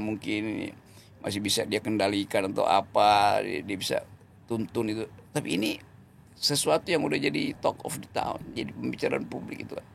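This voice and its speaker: A man's voice: on the low side, gravelly, slight background noise. A man speaking as a political commentator in an interview, sarcastic and mocking, laughing mid-sentence and correcting himself as he hunts for words. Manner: repeats words while searching, self-correcting. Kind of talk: interview talk.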